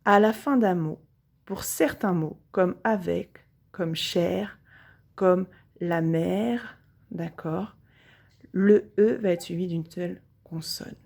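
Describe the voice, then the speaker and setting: A woman teacher with a French accent giving a phonics lesson to young children, drawing out each sound slowly and deliberately. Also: fairly low pitch, creaky, a little mellow. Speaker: primary school teacher.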